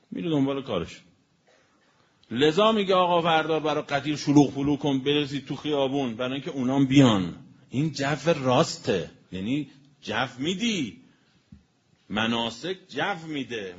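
A man's voice: fairly high pitch, a bit bright, breathy edge. Man preaching a colloquial sermon. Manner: explains word meanings slowly and emphatically, then speeds up. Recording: dull lo-fi recording with faint noise.

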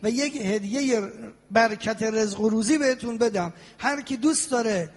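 A man preaching a sermon as a cleric, animated, with drawn-out invocations and sing-song passages. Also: high-pitched. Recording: long hall reverb.

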